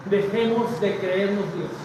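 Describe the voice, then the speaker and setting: A Mexican pastor with a high-pitched voice preaches a sermon, swinging between loud declarations and hushed asides as he calls out to the congregation. He is picked up from a distance in a big, very echoey sanctuary. Steady noise sits under the recording. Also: a little slow. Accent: Mexican Spanish. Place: large church sanctuary with a balcony. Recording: very echoey church from far off, noisy.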